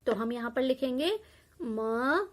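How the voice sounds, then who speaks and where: A fairly high-voiced young woman teaching a kindergarten lesson at a very slow pace. She sounds out every letter and vowel sign, then says the whole word again. She asks the children questions and praises their answers. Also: animated.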